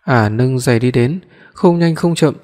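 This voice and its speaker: A man narrating a romance audiobook with a steady, even reading. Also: medium pitch, unhurried. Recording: long hall reverb.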